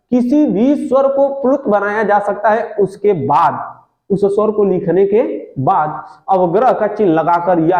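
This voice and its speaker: A man's voice: high-pitched, a little mellow. A man teaching a grammar lesson for exam students, asking questions and answering them himself, and stretching vowels to demonstrate them. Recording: dull lo-fi audio in an echoey room.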